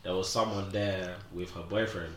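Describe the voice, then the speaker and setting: A man's voice: low voice, steady tone, moderate pace, roomy sound. A young man with a London roadman accent telling stories in casual, rambling slang as a podcast co-host. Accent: London roadman, multicultural street slang. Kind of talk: casual chat and storytelling.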